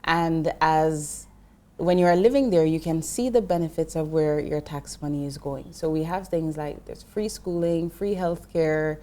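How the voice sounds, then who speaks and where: A middle-aged woman from Jamaica, an investment professional, is a guest in an interview conversation, earnestly explaining finance and often restarting her sentences. Her voice sits low and is warm, and she speaks a little slowly.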